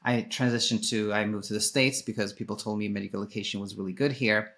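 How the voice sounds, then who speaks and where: The voice is lowish and fairly bright, with fairly even intonation and a quick pace. It belongs to a Swedish man, a sleep coach and former sleep physician, who answers a podcast interviewer's questions in an informal, explanatory style, rewording things as he talks.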